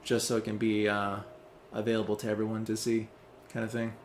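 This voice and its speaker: A man's voice: fairly low pitch, monotone, brisk, a little hiss or hum. A young man hosting a let's play, chatting casually while he plays, rambling and distracted, with many fillers. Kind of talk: casual chat while playing a game.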